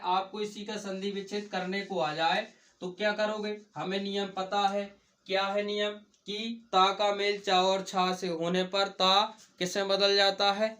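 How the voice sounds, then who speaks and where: A man's voice: sits high, fairly bright tone, far from the mic. A man teaching a grammar lesson. He keeps asking his students short questions, answers them himself, and repeats each point. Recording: echoey room.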